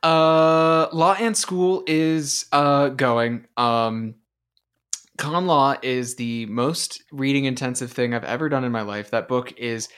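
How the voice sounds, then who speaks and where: An excitable young man co-hosts a podcast in loose, casual chat. He rambles and restarts his sentences, swears freely, and gets loud when enthusiastic. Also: mid-range voice, takes it slowly, smooth. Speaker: podcast co-host.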